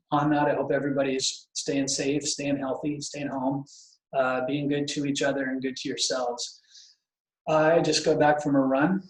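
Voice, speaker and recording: A man giving a casual spoken presentation on professional duties as a bar counsel, chatty and digressive, a speaker who admits he tends to ramble. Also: mid-range voice. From Vermont. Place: home garage. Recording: echoey garage.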